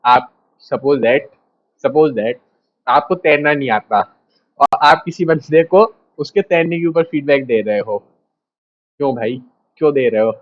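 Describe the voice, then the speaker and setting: A man's voice: medium pitch, measured pace, long pauses, lo-fi sound. A man teaching a class in a casual, direct way, repeating his points and talking straight to the students. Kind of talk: casual lecture.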